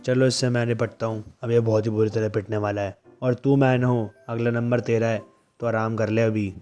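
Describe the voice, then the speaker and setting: A man voicing a cocky male high school gang leader who taunts loudly, in a comic-book recap. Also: level tone, moderate pace, clear, resonant tone, soft background music, natural voice. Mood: taunting. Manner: taunting, loud and mocking.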